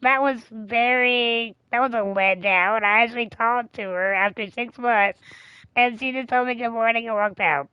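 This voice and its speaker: A woman chats on a live stream, telling a personal story in a candid way and swearing freely. Her voice is smooth and resonant. The sound is dry and a little dull. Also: on the high side, steady tone, normal speed, dry recording. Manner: chatty and candid, swears freely, laughs often.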